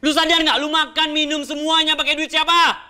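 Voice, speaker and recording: Mean big brother, yells and bosses, voice high and super sharp. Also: male voice, level tone, a little fast, full character voice. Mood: angry. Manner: shouting, harsh, bossy. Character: bullying older brother, hot-tempered. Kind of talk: TV soap acting.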